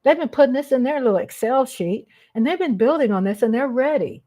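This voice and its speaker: A woman's voice: high-pitched, animated, brisk, mellow. A woman hosting her own live-stream vlog, speaking off the cuff in a blunt, emphatic way with casual swearing. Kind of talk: unscripted live commentary.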